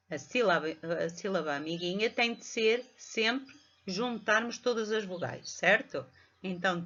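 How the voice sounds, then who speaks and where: A middle-aged primary school teacher with a European Portuguese accent patiently spells out syllables during a reading lesson for young children. Her medium-pitched voice has a fairly bright tone, captured on a dull lo-fi home recording.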